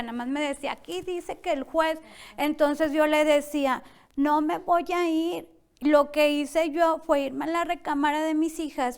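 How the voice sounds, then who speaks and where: Guest: young woman, high voice, tense personal testimony told with many quoted exchanges. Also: clean tone. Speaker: interview guest.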